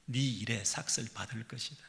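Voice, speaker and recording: A male pastor preaching a sermon, who swings from hushed near-whispers to loud, pleading peaks. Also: medium pitch, moderate pace, gravelly. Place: church sanctuary.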